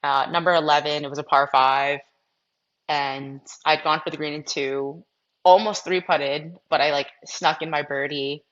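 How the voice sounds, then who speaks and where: A woman's voice: low-pitched, fairly even intonation, normal speed, a bit bright, muffled recording. A woman in her twenties from Massachusetts, a professional golfer telling stories as a podcast guest, chatty and full of "like" and "um". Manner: chatty, frequent fillers like "like" and "um". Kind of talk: casual storytelling interview.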